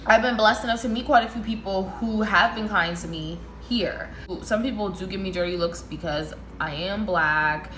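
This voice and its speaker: A woman's voice: mid-range voice, pushed and bright, echoey room, a little hiss or hum, poor audio. A young woman from Canada with a Toronto accent, answering viewer questions in a casual, chatty vlog and laughing often. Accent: Toronto Canadian English. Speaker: vlogger.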